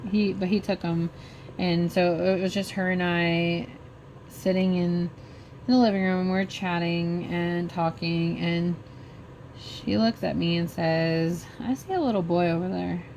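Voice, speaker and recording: A middle-aged woman vlogger slowly telling a personal story while crafting, halting and emotional. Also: lowish voice, steady tone, darkish tone, a little hiss or hum.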